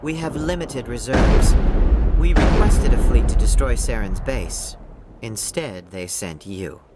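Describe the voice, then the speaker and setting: A man's voice: mid-range voice, a little slow, heavy background noise, lightly acted. A man playing a stiff, disapproving alien supply officer in a video game, formal and curt. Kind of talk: dramatic video game acting.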